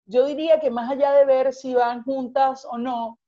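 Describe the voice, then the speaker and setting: A woman speaking as a guest life coach in a podcast conversation, explaining at length in an expansive, animated way with acted-out examples. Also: sits high, normal speed, lo-fi sound.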